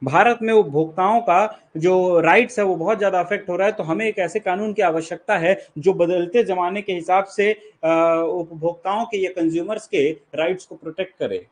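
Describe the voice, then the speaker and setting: A young Indian man giving a law lecture in Hindi mixed with English terms. He asks questions and answers them himself, and he slows down to read definitions aloud. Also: sits high. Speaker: law teacher. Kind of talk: classroom lecture.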